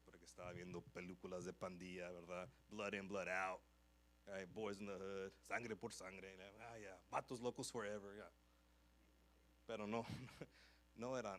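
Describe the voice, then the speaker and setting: A man preaching a testimony in a church, telling his story with emotion and restating each line in a second language. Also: lowish voice. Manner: switches between Spanish and English line by line, emotional storytelling. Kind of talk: bilingual sermon testimony. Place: church sanctuary.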